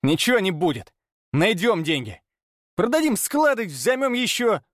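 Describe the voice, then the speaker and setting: A man voicing a furious businessman who shrieks back in a shrill, defiant voice. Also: big pitch swings, normal speed, fairly bright tone, no room sound, studio quality. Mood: enraged shrieking.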